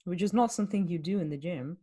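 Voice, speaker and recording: Woman, lowish voice, fitness coach, podcast host, candid casual chat. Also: fast, mellow. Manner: candid, explanatory, uses rhetorical questions.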